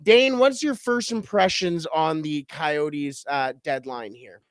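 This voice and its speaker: A man's voice: a little high, slow pace, clean tone, dry recording, studio quality. Upbeat emphatic man co-hosting a podcast. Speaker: podcast co-host. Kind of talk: casual sports podcast chat.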